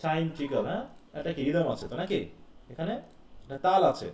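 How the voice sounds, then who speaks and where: A man's voice: a little high, lively intonation, quick pace, darkish tone. A man teaching a live class, explaining step by step and asking his students questions. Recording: echoey classroom heard from a distance.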